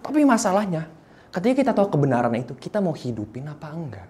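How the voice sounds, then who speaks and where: A young man preaching a lively sermon, animated, slipping into English phrases and acting out little voices, often rising to near shouting. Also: on the high side, fast. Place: church hall.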